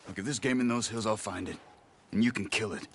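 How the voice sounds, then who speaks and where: An actor playing a stoic hunter from an outlaw gang in a video game, firm and impatient. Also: male voice, on the low side, fast talker, vocal fry, fairly bright tone, slight background noise. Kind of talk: video game dramatic acting.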